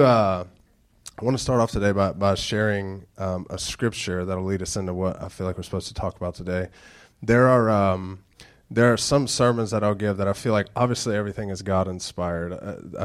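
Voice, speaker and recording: A pastor in his thirties gives a laid-back sermon in a very deep voice, his nose stuffed up with congestion. He talks low and slow, almost monotone, weaving church announcements together with dad jokes.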